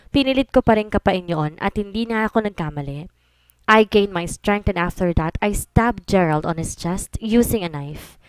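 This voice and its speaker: A woman narrating a romance story in first person, with steady storytelling and English phrases mixed in. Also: mid-range voice, clean tone, dry recording. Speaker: audiobook narrator.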